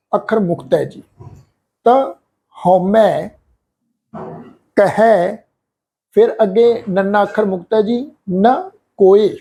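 A man giving an earnest religious pronunciation lesson, slowly chanting scripture lines as examples. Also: sits high, gravelly, a little mellow, husky. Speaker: Gurbani pronunciation teacher.

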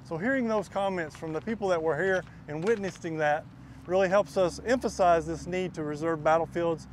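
A middle-aged man with a fairly high voice gives an earnest talk outdoors by a churchyard. He speaks through a clip-on lapel mic, and light traffic sounds carry in the open air. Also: brisk. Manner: earnest, reads from a paper, thanks donors. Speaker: guest speaker from a preservation group. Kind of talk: outdoor talk reading a quote aloud. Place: outdoors beside a churchyard cemetery.

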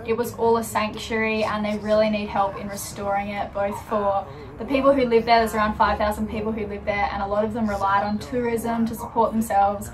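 A woman's voice: mid-range voice, brisk, a crowd in the background, rough recording. A young woman, a sailing vlogger, chatting casually on a boat. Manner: relaxed, playful with her child. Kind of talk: casual vlog chat. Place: catamaran deck outdoors, later a house porch.

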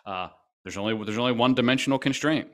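A middle-aged man cohosting a casual podcast over a video call, explaining details in an animated way at a desk mic in a small room at home. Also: mid-range voice, quick pace. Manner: explanatory, animated with hand gestures. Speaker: podcast co-host. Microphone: desk mic on stand, video call.

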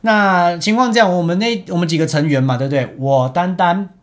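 A man's voice: high-pitched, a little fast. A young man with a Taiwanese Mandarin accent, an esports team captain chatting casually over game footage and laughing often.

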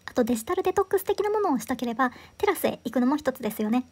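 A woman in her thirties narrates a travel vlog in a quick, high, bright voice. Her scripted voice-over sounds upbeat and enthusiastic. She reviews each detail as if pleased with it. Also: sing-song. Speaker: travel vlogger.

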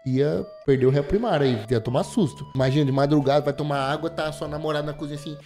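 A man's voice: on the high side, darkish tone, soft background music. A young man with a Brazilian Portuguese accent hosting a react video, joking in a slangy, casual way. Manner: jokey, slangy, drawn-out asides.

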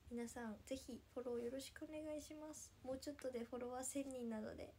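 A young woman in her twenties speaks with a Nagasaki dialect and a high, light voice. She chats with her stream viewers in a bubbly, talkative way, laughing often. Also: fairly even intonation, fast, very noisy. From Nagasaki, Japan. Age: 20s. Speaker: livestreamer. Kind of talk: casual livestream chat with viewers.

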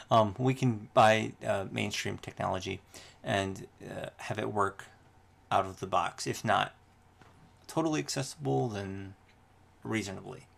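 A man, a podcast host being interviewed, talking in a halting way and often leaving his sentences unfinished. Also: fairly low pitch, vocal fry. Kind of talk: casual interview.

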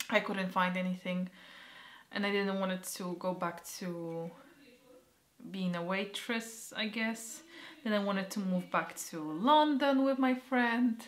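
A young woman talks slowly to her camera in a personal vlog update. She is hesitant and halting, and she often trails off into soft, breathy near-whispers. Her pitch sits in an ordinary middle range. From Poland. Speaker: vlogger.

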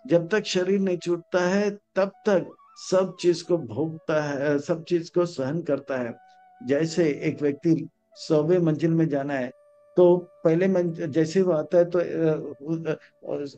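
Male spiritual teacher giving a sermon with stories and slow chanted verses, high voice, dull lo-fi recording with faint music behind. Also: dark tone. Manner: chants Sanskrit verses slowly, acts out story characters. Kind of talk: Hindi scripture discourse with stories.

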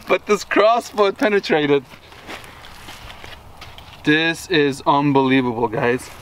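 Man in his thirties, high-voiced vlog host, excitable, recorded outdoors with faint background noise. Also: drawn-out words, long pauses. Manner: excited, laughing often. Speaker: video host. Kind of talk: casual vlog commentary. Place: outdoors in an orchard.

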